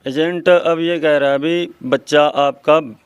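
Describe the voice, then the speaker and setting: Man, father, brief polite answers, mid-pitched voice, dry sound. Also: fairly even intonation, slow, smooth, no room sound. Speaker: missing young man's father.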